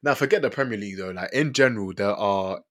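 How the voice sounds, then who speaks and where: A man's voice: fairly low pitch, fast talker, a bit bright. A young man with a London accent, hosting a casual football discussion in slangy, repetitive phrasing. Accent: London, urban slang. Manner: slangy, repeats himself. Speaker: football podcast host.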